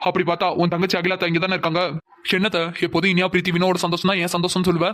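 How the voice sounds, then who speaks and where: A woman's voice: on the low side, monotone, rapid-fire, fairly bright tone, natural voice. A woman voicing a caring young man in a cartoon, pressing his aunt with insistent, pleading questions. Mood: coaxing. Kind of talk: animated cartoon dialogue.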